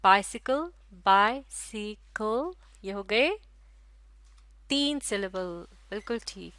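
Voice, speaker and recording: A woman teacher with a Pakistani Urdu accent giving a recorded lesson to young pupils, drawing out each word slowly so they can repeat it. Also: medium pitch, animated, a bit bright, dry recording. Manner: slow, drawn-out pronunciation of words for repetition.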